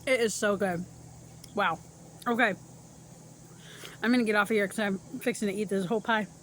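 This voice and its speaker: A woman's voice: medium pitch, fairly even intonation, moderate pace, a bit bright, a little hiss or hum. Chatty woman cooking vlogger. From Indiana, US. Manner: enthusiastic, chatty, addresses viewers directly. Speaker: family farm vlogger. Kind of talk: casual cooking vlog to camera. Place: home kitchen, then outdoors.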